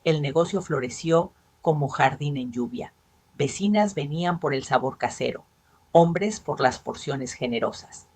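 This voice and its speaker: A woman telling a dramatic first-person story in a steady, even narrating voice. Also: low voice, unhurried.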